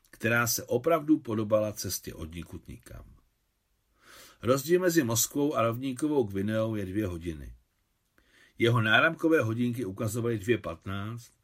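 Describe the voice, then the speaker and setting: A man narrating a short story in a measured, even reading voice. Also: lowish voice. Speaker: audiobook narrator.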